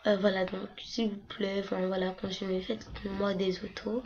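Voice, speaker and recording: A young woman with a hoarse voice, chatting casually and rambling with many fillers as she walks through her game accounts on a screen recording. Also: mid-range voice, level tone, moderate pace, darkish tone. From France. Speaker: gaming vlogger. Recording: lo-fi computer mic with faint noise.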